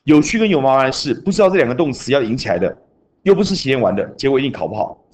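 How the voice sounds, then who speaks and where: A male teacher lectures a class, and his pitch swings up and down a lot. He chants grammar rules like mnemonics, with a faint hum of the classroom behind him. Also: big pitch swings, very fast, darkish tone. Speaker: junior high English teacher.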